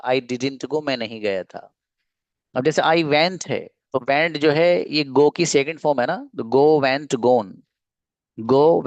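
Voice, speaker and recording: A man teaching English grammar in an online class, patiently explaining and slowly repeating example sentences, using Urdu-flavored Hindi. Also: mid-range voice, dry recording.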